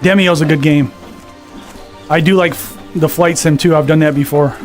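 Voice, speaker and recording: A man's voice: a little high, steady tone, moderate pace, faint music behind. A man chatting casually on a live game stream, out of breath from walking on a VR treadmill and reading viewer comments aloud. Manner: reads viewer comments aloud and chats back. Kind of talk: casual live-stream chat while gaming. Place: home gaming setup on a VR treadmill.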